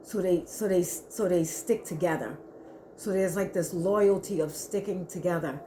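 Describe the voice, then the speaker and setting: A woman giving an earnest spiritual reading to her viewers, talking haltingly with many restarts. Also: lowish voice, warm tone, slight background noise. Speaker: spiritual reader. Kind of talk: intuitive spiritual reading to camera.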